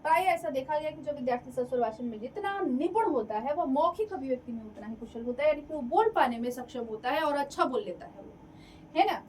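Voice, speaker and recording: A woman with a high voice teaches an exam-prep lecture, repeating key points and checking that her listeners follow. She sounds a little distant from the mic, with a faint hiss of background noise. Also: fast talker. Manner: lively, repeats and checks for understanding.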